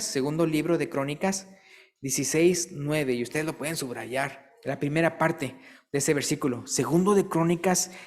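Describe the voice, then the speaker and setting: A male preacher giving a relaxed, conversational sermon, asking the congregation questions and telling light jokes. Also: fairly high pitch. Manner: chatty, asks listeners questions and tells jokes.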